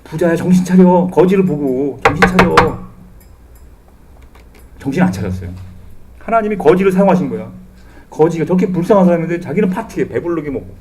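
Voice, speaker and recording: A middle-aged man delivers a Sunday sermon from a church pulpit. His fairly high voice swoops widely as he acts out quoted people and drops in humorous asides. The tone stays lively and conversational. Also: a little fast, pauses often, noisy background. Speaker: pastor. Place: church sanctuary.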